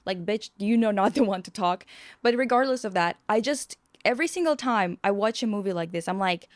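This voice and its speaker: A woman from Russia co-hosting a podcast, talking bluntly and quickly in casual chat and swearing freely. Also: medium pitch, expressive, no room sound, clean studio sound. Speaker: podcast co-host.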